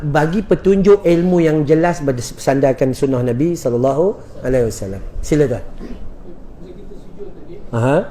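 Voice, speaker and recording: A man with a Malaysian Malay accent, a religious teacher answering questions in a lively, joking lecture, explaining step by step. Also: a little high.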